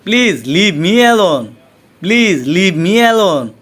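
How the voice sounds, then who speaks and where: A man with a Bengali accent teaching English, reading each short phrase twice, slowly and deliberately. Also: sits high, lively intonation, fairly bright tone, husky. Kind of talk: slow repeated phrase drills for learners.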